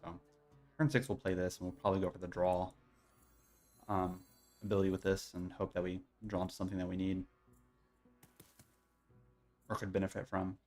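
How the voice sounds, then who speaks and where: Casting: male card game streamer, deep voice, low-key thinking-aloud delivery, faint music behind. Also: level tone, normal speed, pauses often, a little mellow. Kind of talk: casual gameplay commentary.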